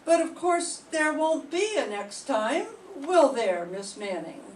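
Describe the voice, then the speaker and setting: In a classroom, an older woman taking a radio drama class plays a calm, shrewd police inspector from a 1940s radio mystery. Her voice sits high and exaggerated, and she questions in a deliberate, measured way, stern and probing. The recording is echoey, with a distant mic and a faint hiss.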